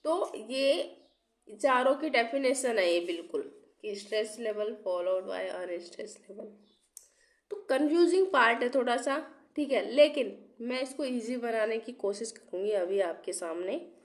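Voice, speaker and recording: A woman's voice: fairly high pitch, animated, measured pace. A young woman teacher giving an exam-prep lecture while unwell and coughing now and then. She asks rhetorical questions, repeats key terms and checks in often. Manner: checks in often with "theek hai". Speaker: English literature teacher.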